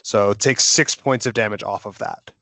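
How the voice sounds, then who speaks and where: A man's voice: fairly low pitch, moderate pace, bright, forceful tone, no room sound. Dry-sounding man thinking aloud at the table. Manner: thinks aloud, working out rolls. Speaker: player. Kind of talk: tabletop game play.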